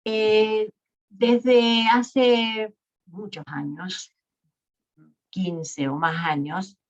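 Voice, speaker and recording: A woman from Argentina, giving an academic lecture in a measured way, with fillers and self-corrections. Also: mid-range voice, steady tone, lo-fi sound. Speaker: guest lecturer.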